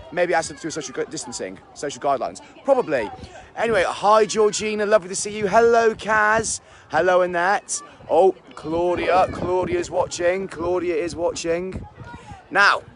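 An upbeat man hosting a live stream in the open air, chatting energetically and greeting viewers by name. His voice sits a little high for a man and comes through a phone mic, with faint background noise from outside. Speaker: holiday park entertainer and live stream host. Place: outdoors at a busy holiday park.

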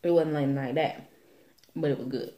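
A woman's voice: low-pitched, fairly even intonation, normal speed, warm tone. A young woman chatting casually to camera as a vlogger, playful and rambling, with a folksy way of talking. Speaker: vlogger hosting an eat-with-me video. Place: small room indoors. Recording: roomy echo from phone recording.

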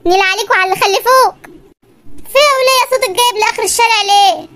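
A woman's voice: very high-pitched, rapid-fire, a bit bright, slight background noise. A performer voicing a grumbling husband in a cartoon comedy, speaking with an Egyptian Arabic accent and scolding his wife. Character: grumbling middle-aged husband Hamokesha, gruff and testy.

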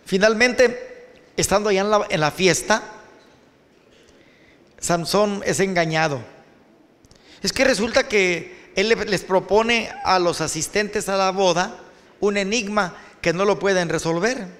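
A man with a Mexican Spanish accent, a pastor giving a sermon and talking directly to the students in the audience in an animated way. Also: sits high, measured pace, long pauses, in a large hall.

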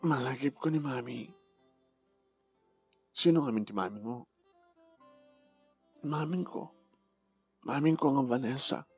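A man's voice: mid-range voice, slow, pauses often, darkish tone, faint music behind. A man speaking heartfelt family drama dialogue.

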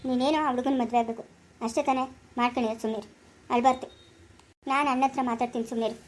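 A steady elder sister, played by a woman, coaxes and calms in a homemade family drama. She has a rural Karnataka Kannada accent and a firm, repetitive way of talking. Her voice is high and the words come quickly. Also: a little hiss or hum, natural voice. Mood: soothing. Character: calm elder sister soothing her sibling. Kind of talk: amateur family drama skit.

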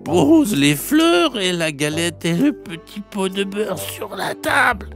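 A man voicing the big bad wolf pretending to be a frail grandmother in a children's storybook, in a high, creaky, slow croon. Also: very animated, fairly bright tone, soft background music, exaggerated voice. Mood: sly crooning. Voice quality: high, creaky, drawn-out falsetto.

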